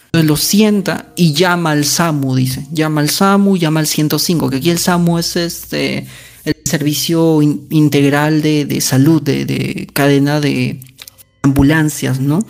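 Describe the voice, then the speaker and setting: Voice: medium pitch, steady tone, measured pace, vocal fry. A narrator casually retelling a ghost story in a conversational way, often tagging lines with questions and fillers.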